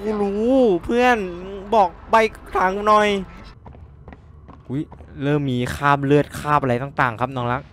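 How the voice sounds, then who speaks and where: Young man, horror let's play, excitable, lively pitch, cursing a lot. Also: normal speed, a little hiss or hum. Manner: excitable, swears a lot, yelps when startled. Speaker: gaming streamer.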